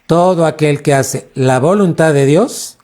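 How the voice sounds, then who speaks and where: A pastor teaching a sermon in a slow, deliberate way. His voice is dark and mellow. He stretches key words and throws questions at the congregation. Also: a little high. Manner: preaching with questions to the congregation, drawn-out emphasis.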